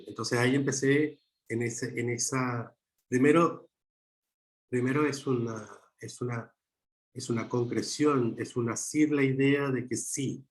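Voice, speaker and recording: A middle-aged man, a filmmaker and guest, talks reflectively in an interview, pausing often and restarting his phrases. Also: mid-range voice. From Chile. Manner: halting, many restarts and fillers.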